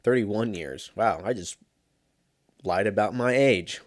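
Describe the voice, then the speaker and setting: Man, thirties, podcast host, low voice, tired, rambling and cursing, dry close sound. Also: slow pace, dry recording. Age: 30s. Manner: rambling, profane, laughs often. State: low energy after being sick. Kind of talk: casual solo podcast chat.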